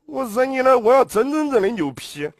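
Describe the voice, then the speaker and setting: Brief: a swearing, combative male livestreamer with a Sichuan accent, a high voice and a very animated delivery. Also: a little fast, no room sound. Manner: heavy swearing, blunt and combative. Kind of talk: casual livestream chat.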